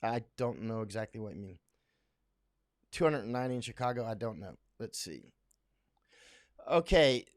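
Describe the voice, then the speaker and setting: A man's voice: lowish voice, lively intonation, normal speed, long pauses. A man from Florida hosting a casual livestream, reading viewer comments aloud and answering them in a rambling way full of fillers and restarts. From Central Florida, USA. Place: home in Thailand.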